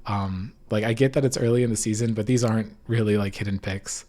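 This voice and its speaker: A man with a mellow, lowish voice and fairly even intonation talks fairly quickly, hosting a podcast that casually recaps esports. He hedges informally, and the unfurnished home room gives an echoey, reverberant sound.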